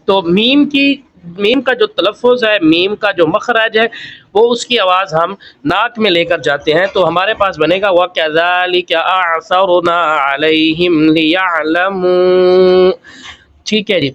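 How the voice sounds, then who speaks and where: A man teaching Quran recitation word by word, spelling each word letter by letter and drawing the sounds out slowly. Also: sits high, a bit bright, dull audio, slight background noise. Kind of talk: word-by-word tajweed lesson.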